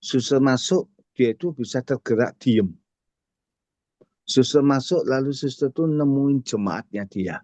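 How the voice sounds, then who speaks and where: Here a man from Indonesia, in his 60s, tells his testimony to a prayer fellowship, addressing the congregation head-on. His mid-range voice is unhurried and a touch mellow. It's a dull, dry recording.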